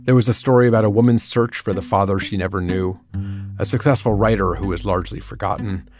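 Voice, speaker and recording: A man hosting a radio documentary, reading scripted narration in a measured storytelling way. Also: lowish voice, steady tone, over music.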